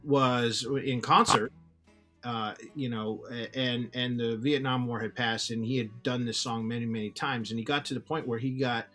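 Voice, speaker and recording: Hesitant mid-pitched male co-host. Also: steady tone, normal speed, sharp tone, soft background music. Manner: hesitant, many fillers and restarts while recounting. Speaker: podcast co-host. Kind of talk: casual chat.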